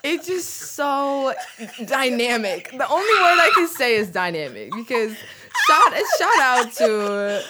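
A woman from Utah, a podcast guest in casual chat, bubbly and playful with lots of shout-outs. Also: fairly high pitch, sing-song, unhurried, heavy background noise.

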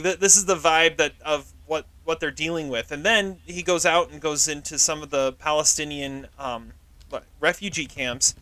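A man co-hosting a podcast, telling in casual chat how he tracked down a film he reviews. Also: fairly high pitch. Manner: relaxed storytelling, explains step by step. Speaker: podcast co-host.

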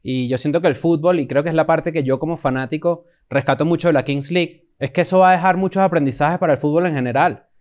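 A man's voice: a little high, quick pace, hardly any pauses, a little mellow. A man co-hosting a casual podcast, giving thoughtful comments as a fan.

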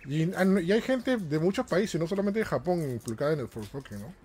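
A man's voice: fairly high pitch, animated, fairly quick, a little mellow. A man with a Peruvian accent hosting a casual gaming podcast, chatty and jokey with plenty of slang. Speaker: podcast host.

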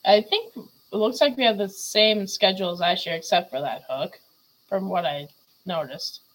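Over poor audio, a woman with a mid-range voice speaks at a normal speed while hosting a casual talk show. She's chatty and giggly, laughing frequently as she asks her questions on the podcast.

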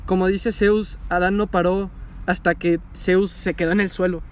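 A man, recapping a show with loud, animated enthusiasm. He talks casually and swears freely as the excitement builds. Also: sits high, moderate pace, clear, resonant tone. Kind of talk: casual chat recapping an anime.

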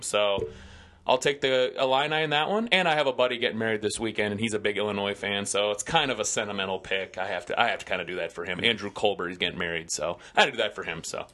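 A Midwestern American man co-hosts a sports podcast, running through his weekly picks with easygoing confidence. His voice is bright and forward, recorded close on a studio microphone. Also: lowish voice. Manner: confident, chatty betting analysis. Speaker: podcast co-host giving football picks. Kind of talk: casual sports podcast banter.

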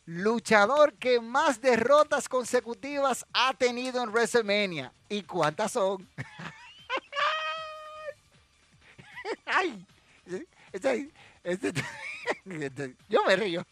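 A man's voice: very high voice, animated, slow, fairly bright tone, no room sound. A man hosting a casual live trivia stream, teasing viewers and answering the chat directly. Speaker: livestream host running a wrestling trivia quiz.

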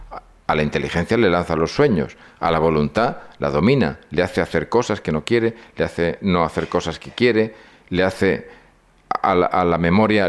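An older man giving a lecture, telling stories and acting out the dialogue in them. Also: fairly low pitch. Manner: storytelling, acts out dialogue. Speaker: speaker on psychology and symbolism.

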